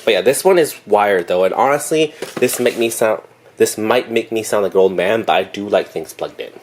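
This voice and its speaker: A man's voice: fairly low pitch, normal speed, a little hiss or hum. A young man chatting casually in a rambling vlog, laughing often and correcting himself, sounding congested from allergies. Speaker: vlogger.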